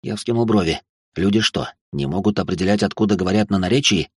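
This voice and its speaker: A man's voice: deep voice, quick pace, husky, no echo, clean studio sound. A man narrating a fantasy story in the first person, with wry sarcastic asides.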